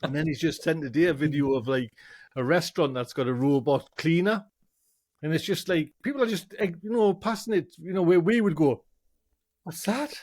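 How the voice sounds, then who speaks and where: A man's voice: fairly high pitch, fairly quick, darkish tone, dry recording, studio quality. A man hosting a casual gardening chat show, talking in a loose, rambling way. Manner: chatty, keeps asking "do you know what I mean". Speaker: host.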